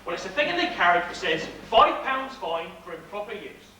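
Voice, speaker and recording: A man doing a homely, teasing railway porter on stage, his voice high and lively, rising and falling as he chats. The sound is an echoey hall heard from far off, with steady noise under it. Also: a little fast, heavily acted. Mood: chatty. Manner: homely, folksy, a bit teasing. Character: friendly older male railway porter, chatty. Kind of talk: amateur stage play. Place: theatre stage. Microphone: distant audience recording.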